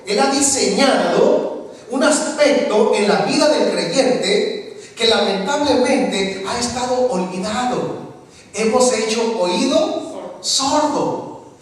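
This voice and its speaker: A man preaching a sermon, his voice pitched high as it moves between hushed storytelling and emphatic declarations. He is heard from a distance in a church sanctuary, and a long, roomy echo trails each phrase. The sound is that of a congregation recording made from the back of the hall. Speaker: pastor. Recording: echoey church hall, mic from far off.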